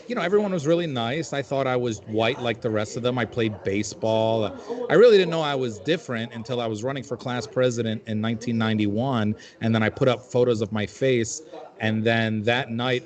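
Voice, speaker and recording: Comic, 40s, man from Jordan; dry, wry deadpan storyteller, mid-pitched voice. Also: fairly quick. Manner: dry, wry storytelling with filler-laden asides. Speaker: comedian and panel guest. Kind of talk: casual comedic chat.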